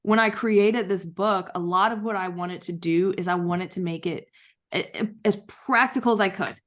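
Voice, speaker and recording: A woman's voice: fairly low pitch, moderate pace, a bit bright. A woman author, a guest on a podcast interview, talking in an enthusiastic, storytelling way. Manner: enthusiastic, storytelling with acted quotes.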